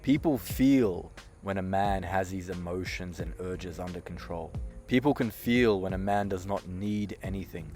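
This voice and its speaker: A low-voiced man delivering a motivational monologue as a communication coach. He talks with deliberate emphasis, ending each sentence on a flat, downward note, and he swings from punchy, loud phrases down to quiet, hushed ones. Faint music plays softly behind him. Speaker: communication coach and podcast host. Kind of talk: direct-to-camera motivational monologue.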